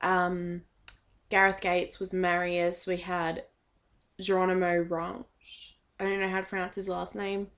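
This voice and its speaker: A woman's voice: lowish voice, completely flat delivery, unhurried, a bit bright. A young woman chatting casually in a fan vlog, hesitant and full of filler ums, a little shy. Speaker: vlogger.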